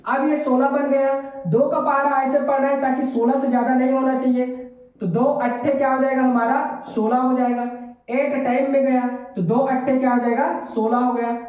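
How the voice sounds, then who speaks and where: A woman's voice: high-pitched, flat delivery, moderate pace, darkish tone. A woman teaching a step-by-step maths lesson, talking to her pupils and often checking that they follow. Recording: very echoey room.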